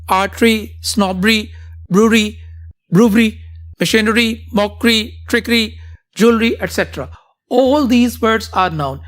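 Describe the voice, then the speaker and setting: A man's voice: high voice, a bit bright. A male teacher giving a classroom vocabulary lecture, switching between Urdu and English and often checking that his students follow. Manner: checks understanding often, calls students "beta".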